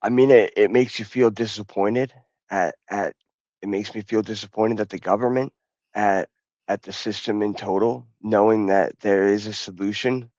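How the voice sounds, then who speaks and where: A middle-aged man answers as a podcast guest, thinking things through in a calm, measured way. His voice sits low, and the recording is dry with a slightly muffled, dull tone. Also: no room sound. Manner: measured, reflective, some restarts. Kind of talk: podcast interview.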